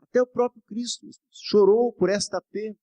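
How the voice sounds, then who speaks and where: High-pitched man preaching a fervent sermon. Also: steady tone, moderate pace, dark tone. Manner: fervent exhortation, calls on the congregation; constantly addresses "brothers" and asks for amens. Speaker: pastor. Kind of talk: evening church sermon. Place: church service before a congregation.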